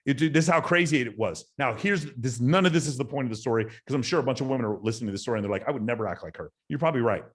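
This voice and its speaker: Man, podcast guest, mid-pitched, blunt, profane, emphatic storyteller, casual chat. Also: racing, few pauses.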